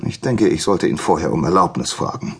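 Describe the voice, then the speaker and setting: A man's voice: low voice, a little fast, breathy edge, exaggerated voice. Prometheus, an eager questioning god voiced by a man. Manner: lively, questioning, raised voice. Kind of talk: storybook character voice.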